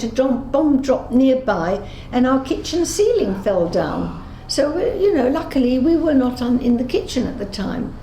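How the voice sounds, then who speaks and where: A high, mellow voice from an English Holocaust survivor in her eighties, telling her memories conversationally in an unscripted interview. She corrects herself as she goes and acts out bits of dialogue. The audio carries a roomy echo and clear background noise.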